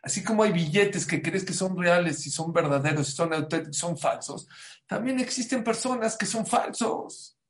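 A man giving a sermon, mixing a story into his teaching, swinging between loud emphasis and hushed asides. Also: high voice, normal speed, reverberant. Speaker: religious teacher. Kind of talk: sermon with anecdote.

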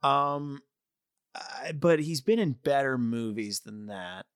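Male podcast co-host, halting and reflective, mid-pitched voice, dry close recording. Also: lively intonation, clean tone, dry recording. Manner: thoughtful, hesitant, halting. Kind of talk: casual film podcast chat.

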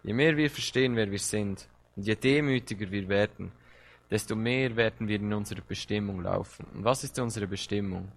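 A man's voice: lowish voice, moderate pace, vocal fry. A man preaching a sermon, speaking straight to his listeners, repeating words and pressing his points with passion. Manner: impassioned, direct address with rising emphasis and repeated words.

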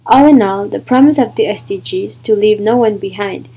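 A young woman intern hosting a podcast, reading a measured, scripted introduction and questions. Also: medium pitch, mellow, slightly rough, low-quality recording. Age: young adult. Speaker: intern, show host.

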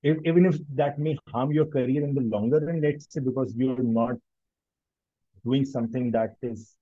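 A man's voice: medium pitch, moderate pace, mellow, no echo, highs cut off. A man with a Pakistani accent talking analytically in casual conversation, often rephrasing himself mid-sentence.

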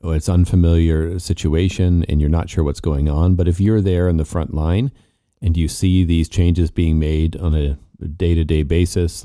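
A man with a low voice and dark tone co-hosts a podcast, talking in a casual, conversational way. The clean studio recording has no room sound.

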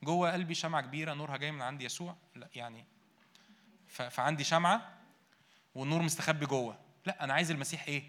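A man preaching a sermon in an Egyptian Arabic accent, firing questions at his congregation and answering them himself, swinging between loud bursts and quiet asides. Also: on the high side, rapid-fire.

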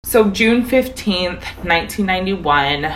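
Woman, low voice, true-crime co-host, casual, filler-heavy, outraged asides, faint background noise. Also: expressive, a little slow, a bit bright, rough recording. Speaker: podcast co-host.

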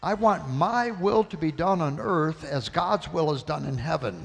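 Male preacher, animated storyteller, gravelly edge, long hall reverb. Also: on the high side, unhurried. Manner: animated storytelling, acts out scolding a child. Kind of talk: sermon with live interpretation.

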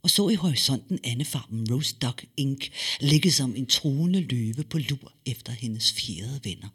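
Husky, lively male storyteller. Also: mid-range voice. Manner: lively, expressive, dramatic pauses. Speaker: narrator. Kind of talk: storytelling audiobook reading.

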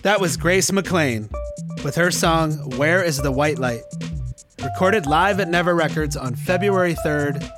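A man's voice: on the high side, a little slow. A man hosting a music session, introducing a live song and back-announcing it, speaking directly to the listener. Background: music playing.

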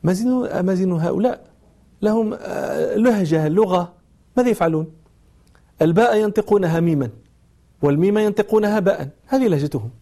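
A man giving a religious lesson, telling a story and patiently explaining grammar with lively rhetorical questions. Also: high voice, brisk. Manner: explains grammar patiently, acts out quoted dialogue. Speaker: Islamic scholar and teacher.

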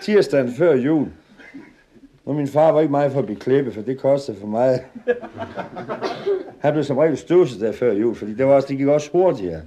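A man's voice: mid-range voice, expressive, pauses often, warm tone, a little hiss or hum. Man telling a comic story. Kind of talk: comic storytelling to a live audience.

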